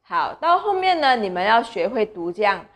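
A young woman teaches small children to read, sounding out syllables slowly. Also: a little high, very animated. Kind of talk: children's reading lesson.

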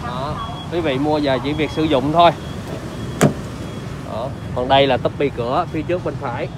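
A southern Vietnamese man with a fairly high voice delivers a used car salesman's pitch. He talks off the cuff as he shows a vehicle, often addressing and reassuring his viewers. Clear outdoor car lot noise sits behind him, as on a handheld phone recording. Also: normal speed. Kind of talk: improvised car walkaround sales presentation.

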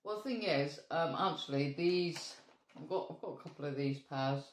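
Woman, low voice, casual chatty vlog talk, echoey room. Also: normal speed, slight background noise. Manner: chatty, explains with friendly asides. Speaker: vlog co-host. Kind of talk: casual chat.

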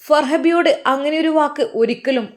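Woman, storyteller, high voice, emotive narration. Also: moderate pace.

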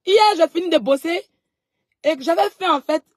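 A woman's voice: very high voice, moderate pace, darkish tone, dry recording, studio quality. A woman vlogger answering followers in a live stream, confrontational and mocking, repeating herself as she talks straight into her phone.

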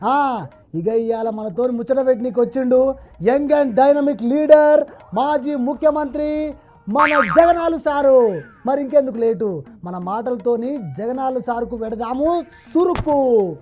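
A woman's voice: high-pitched, takes it slowly, a little mellow, soft background music. A woman with a Telangana accent hosting a comic mock interview, teasing and mock-deferential, often scolding her guest. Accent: Telangana Telugu. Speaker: host of a satirical interview show.

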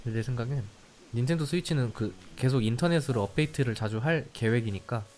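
Talking fast in a darkish mid-range voice, a young Korean streamer from the standard-Korean-speaking region plays a cozy life game. He keeps up a casual, playful, reactive chat with viewers.

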